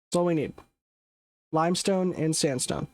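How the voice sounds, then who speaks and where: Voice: medium pitch, moderate pace, no room sound. Rambling, swearing game streamer, dry close sound. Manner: rambling, self-correcting, swears casually. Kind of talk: casual live gameplay commentary.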